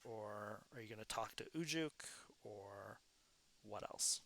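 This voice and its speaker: A man narrating as game master in a relaxed way, with many pauses and fillers. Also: on the low side, vocal fry, slight background noise. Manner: relaxed, lots of fillers and laughs.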